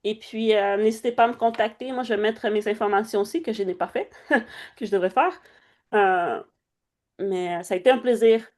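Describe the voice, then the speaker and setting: A woman's voice: medium pitch, moderate pace, darkish tone. A woman with a Canadian French accent hosting an online meeting in an informal, chatty way. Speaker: meeting host. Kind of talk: casual hosting of an online networking call.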